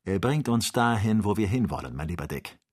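A man voicing a calm, learned male doctor leading an expedition, speaking in a reassuring way in an audiobook. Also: on the low side, fairly quick, husky. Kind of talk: audiobook character voice.

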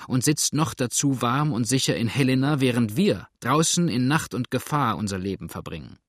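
A male reader voicing a calm, brusque trader in a lowered, gruff voice. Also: moderate pace, no room sound, clean studio sound, natural voice. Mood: dismissive.

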